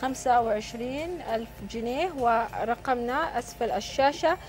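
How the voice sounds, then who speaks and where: At a normal pace and in a slightly high voice, a Sudanese Arabic-accented woman presents a live TV show while standing in the studio. As host of the prize draw, she reads messages and announces winners in a chatty, congratulatory tone.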